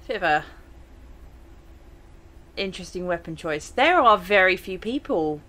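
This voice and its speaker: A woman's voice: lowish voice, animated, unhurried, a bit bright, slight background noise. A young English woman casually commenting as she plays a video game, chatty and exclamatory, often breaking into laughter. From England. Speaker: gaming channel host. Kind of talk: let's play commentary.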